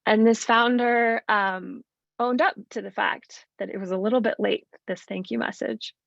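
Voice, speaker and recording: Woman giving a casual webinar, gravelly. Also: on the high side, fairly even intonation, normal speed, fairly bright tone, dry recording, muffled recording. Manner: friendly, conversational, frequent ums. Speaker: nonprofit fundraising trainer. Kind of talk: webinar presentation.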